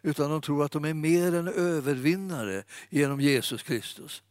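A man giving an informal sermon, chatty and animated, speaking straight to his listeners. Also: fairly high pitch, no echo, studio quality. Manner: conversational, animated, fillers and restarts, addresses audience. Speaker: preacher.

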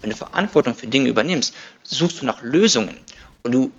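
A man in his thirties in a casual podcast conversation, energetic and acting out his own inner voice in quoted lines. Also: mid-range voice, a little fast, dull audio. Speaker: guest.

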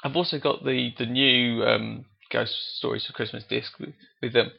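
Gravelly, husky man on a lo-fi podcast. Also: medium pitch, fairly even intonation, moderate pace. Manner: hesitant, many restarts and fillers. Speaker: podcast co-host. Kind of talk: casual film discussion. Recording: dull lo-fi podcast audio.

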